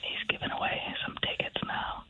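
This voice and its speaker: A radio co-host whispering anxiously while hiding under a desk in another studio. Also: male voice, brisk, bright, forceful tone, low-quality recording. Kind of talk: whispered live radio bit.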